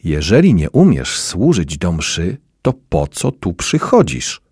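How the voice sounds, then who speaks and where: A man's voice: low voice, wildly swooping pitch, drawn-out words, husky, no room sound, studio quality, full character voice. A man voicing a short-tempered church sacristan who scolds a boy in a read-aloud story. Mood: scolding. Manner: scolding, shouting.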